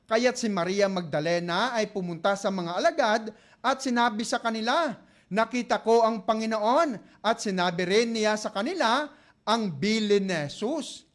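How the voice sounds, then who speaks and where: A man preaching a sermon, reading scripture aloud and putting questions to his listeners. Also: high voice. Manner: asks listeners rhetorical questions.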